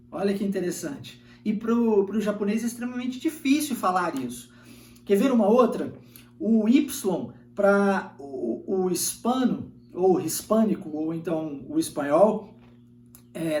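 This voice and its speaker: Brazilian man teaching English, high voice. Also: darkish tone, roomy sound, distant mic, slight background noise. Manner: explanatory, addresses viewer with tag questions. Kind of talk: video lesson.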